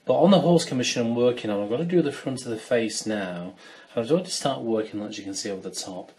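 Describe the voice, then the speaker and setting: A man giving a relaxed, chatty painting demonstration, talking through his brushwork. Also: medium pitch, fast. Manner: chatty, relaxed, with fillers and asides. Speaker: wildlife watercolour artist teaching.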